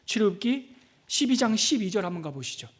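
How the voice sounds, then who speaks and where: Middle-aged male pastor, high-pitched, dramatic sermon delivery. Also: sing-song, fairly quick, slightly rough. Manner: dramatic swings from loud preaching to hushed asides; leads congregation in reading scripture.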